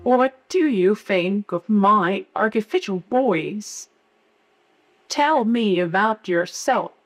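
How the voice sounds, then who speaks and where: A woman speaking through a synthetic computer voice in a flat robotic monotone, each word set out slowly and evenly. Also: mid-range voice. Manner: slow, evenly spaced words.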